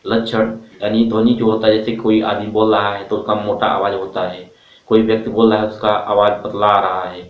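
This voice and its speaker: A man's voice: on the low side, flat delivery, a little fast. A man teaching a class, who keeps asking the students questions and repeating the answers back to them. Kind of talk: classroom lecture. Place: classroom with a board. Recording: roomy, from far off.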